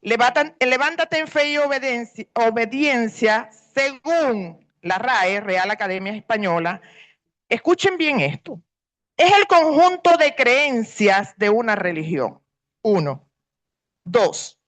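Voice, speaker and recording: Lady pastor preaching, middle-aged, high voice, drags out the big words. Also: sing-song. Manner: earnest preaching, drawn-out emphatic words, call and response. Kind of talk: sermon.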